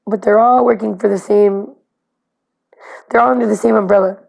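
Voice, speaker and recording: A woman's voice: mid-range voice, steady tone, moderate pace, creaky, a little mellow. A woman talking to her camera in a casual confessional video diary, anxious and rambling, with many fillers and restarts. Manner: swears bluntly. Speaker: vlogger recording video diaries.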